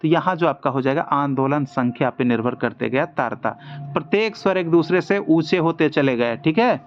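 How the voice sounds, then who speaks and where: A man's voice: a little high, animated, normal speed, lo-fi sound, slight background noise. A man teaching a music exam lesson, walking through multiple-choice questions step by step and asking himself rhetorical questions as he explains. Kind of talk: online MCQ lesson.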